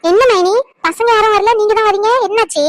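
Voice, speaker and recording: Woman doing a cartoon young wife, very high voice, dead dry sound, hurt and fed up. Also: steady tone, brisk, dry recording. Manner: pleading then bitterly reproachful. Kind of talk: cartoon drama dubbing.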